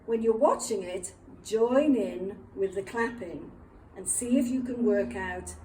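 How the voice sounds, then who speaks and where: Woman teacher doing a kids lesson, slow and mellow, echoey room, mic a bit far, faint hiss. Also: medium pitch. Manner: patient, clearly spelled-out explanations. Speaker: primary school teacher. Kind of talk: lesson for young children.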